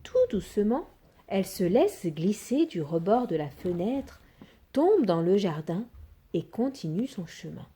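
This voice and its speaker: A woman reading a children's fairy tale aloud in an expressive, sing-song storytelling manner. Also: medium pitch, a little slow, slightly rough.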